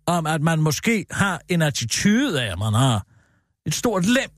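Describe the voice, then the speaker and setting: A man with a fairly high voice that leaps up and down as he lectures in a bombastic, mock-authoritative way. He is a satirical radio comedy host, recorded dry and close on a studio mic. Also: very animated, no echo.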